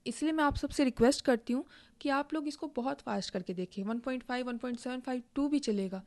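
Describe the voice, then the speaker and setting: Woman teacher, fairly high voice, gravelly edge, slow deliberate lesson pace. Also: a little mellow. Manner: explains slowly while writing, asks and answers own questions. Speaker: exam coaching teacher. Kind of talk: recorded online lesson, Hindi with English.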